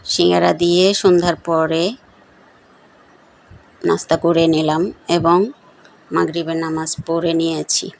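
A middle-aged woman narrating her cooking and family day in an unhurried, flat way with small pauses. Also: low-pitched, vocal fry, rough recording. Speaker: family vlogger.

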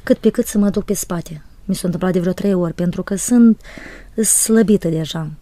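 A woman from Moldova, a guest speaking earnestly and softly about her ministry alongside her husband. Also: fairly low pitch. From Republic of Moldova. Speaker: guest, evangelist's wife. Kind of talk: interview testimony.

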